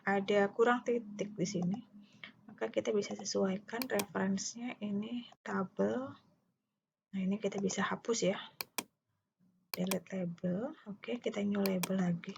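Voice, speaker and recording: A woman giving a step-by-step software tutorial, thinking aloud haltingly and at times dictating words as she types. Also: medium pitch. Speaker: instructor. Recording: muffled lo-fi mic, clear background noise. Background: keyboard typing and mouse clicks.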